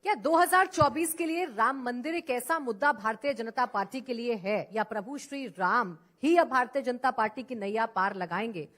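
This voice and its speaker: Brief: female news anchor interviewing on stage, slightly high voice, formal and pointed. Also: moderate pace, hardly any pauses, a bit bright. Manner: pointed, sets out the critics' case before asking. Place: conference stage.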